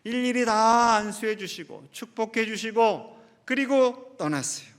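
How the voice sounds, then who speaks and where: A male pastor delivers a Sunday sermon in a fairly high voice. He puts questions straight to the congregation and reads scripture in a slow, emphatic way. His voice carries a long reverb from the church sanctuary. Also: fairly bright tone. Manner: addresses the congregation directly with questions. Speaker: senior pastor.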